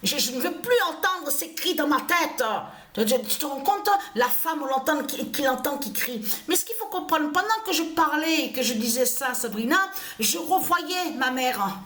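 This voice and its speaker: A woman's voice: high voice, animated, normal speed, hardly any pauses, bright, forceful tone, roomy sound. A woman telling a personal story in an agitated, repetitive way, cursing often. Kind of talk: angry personal storytelling monologue.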